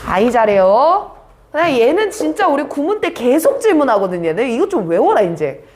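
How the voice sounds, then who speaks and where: A woman teaching an English vocabulary class, brisk and teasing, quizzing students by name. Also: high-pitched, sing-song, a little mellow. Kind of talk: live online vocabulary class.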